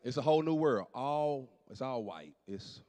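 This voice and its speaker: A man in his late forties doing animated stand-up storytelling on stage, dropping to low asides and jumping up for punchlines. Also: moderate pace. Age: 40s. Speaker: stand-up comedian. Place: church hall on stage. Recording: long hall reverb.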